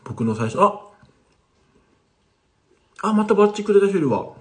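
A man's voice: high voice, big pitch swings, moderate pace. A man teaching casually on a livestream, chatting with viewers and replying to their comments. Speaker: language teacher streaming live.

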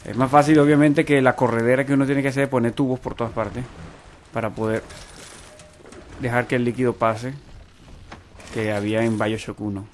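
A man commenting loudly while playing a game, with panicked repetition and swearing. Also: mid-range voice, slight background noise. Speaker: gamer streamer. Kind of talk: let's play commentary.

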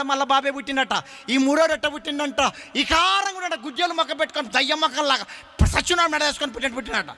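A man's voice: very high-pitched, pushed and bright. A male preacher with a Telangana Telugu accent, telling folksy stories in a sermon and questioning the congregation directly. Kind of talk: sermon with storytelling. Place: church hall.

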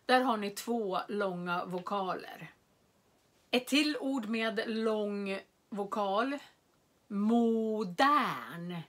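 Woman teacher slowly sounding out words. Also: medium pitch. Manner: stretches and repeats single words to model pronunciation. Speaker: Swedish language teacher. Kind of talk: slow, carefully enunciated lesson for beginners.

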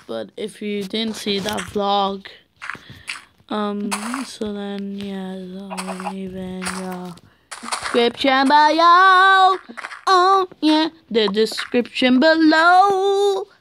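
A woman's voice: mid-range voice, fairly bright tone. A tired teenage girl from Ireland, rambling through casual gameplay commentary with mumbled asides and sing-song chanting. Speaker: gamer. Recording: noisy home recording with clicks.

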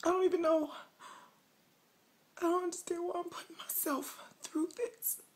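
A woman playing a sobbing, overwhelmed woman in a mock confession to camera, with snotty crying, halting whimpers and a voice breaking into whispers. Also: very high-pitched, fairly even intonation. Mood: tearful, struggling. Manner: halting, whimpering, broken phrases. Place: small room indoors. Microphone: phone or webcam at arm's length.

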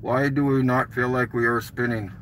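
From a car that's parked or creeping along, a middle-aged man with a Canadian accent vlogs casually, blunt and brief, yelling slogans at passers-by. His mid-range voice is a bit bright, fairly even in intonation, at a normal speed, with car noise in the background.

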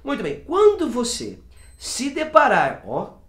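A man's voice: very high voice, wildly swooping pitch, unhurried, a bit bright. A man teaching English pronunciation in a casual video lesson, chatty and repeating example words to demonstrate sounds. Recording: roomy echo.

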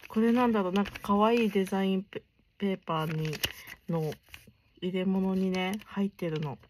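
A young woman chatting casually while unboxing stationery gifts, keeping her voice low and gushing softly, sometimes dropping to near whispers. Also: steady tone, brisk, background noise. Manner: soft-spoken, chatty, keeps voice down late at night.

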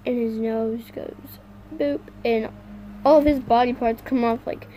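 A woman vlogging an unboxing, talking straight to her viewers in a halting, complaining way. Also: on the high side, steady tone, warm tone, a little hiss or hum. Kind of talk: casual unboxing chat to viewers.

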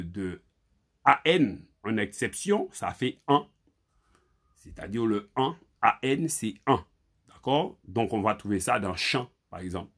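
A man teaching a Creole spelling lesson, halting and repeating himself as he spells letters aloud. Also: medium pitch, a bit bright.

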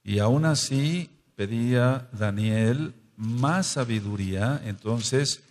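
A man with a Mexican accent teaching a scripture study, who explains and exhorts in short phrases with quick asides. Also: medium pitch. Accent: Mexican Spanish. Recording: long reverb.

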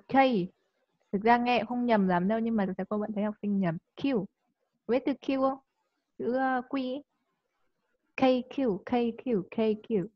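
A woman teaching English in a live online class. She coaxes the student and checks understanding with quick tag questions. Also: a little high, dry recording. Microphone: video call. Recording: dull lo-fi call audio.

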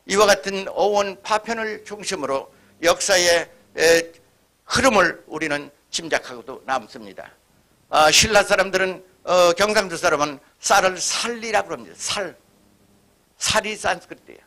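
A man's voice: sits high, bright, forceful tone. A man giving a history lecture at a forum, speaking emphatically and imitating regional dialect phrases as examples.

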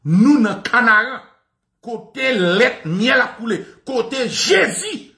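A man giving animated, satirical commentary, mocking as he talks, laughing often and imitating bangs and gunshots. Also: extremely high pitch, takes it slowly. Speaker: online commentator. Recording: echoey room.

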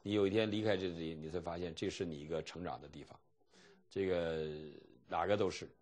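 Middle-aged guy from mainland china lecturing seminary students, lowish husky voice, acts out stories and chuckles. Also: fairly quick. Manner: animated storytelling, acting out dialogue with chuckles. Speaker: seminary teacher and pastor.

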